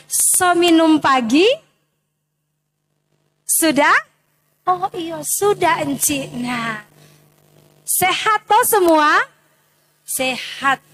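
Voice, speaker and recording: A woman's voice: high-pitched, a bit bright. A woman with a Manado Malay accent telling a Bible story to Sunday school children, asking them questions and answering them herself.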